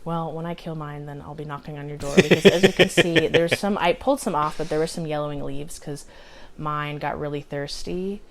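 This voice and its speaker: A woman's voice: low voice, steady tone, a little fast. An American woman chatting casually as a podcast host, telling stories with quoted asides. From United States. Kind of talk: casual chat.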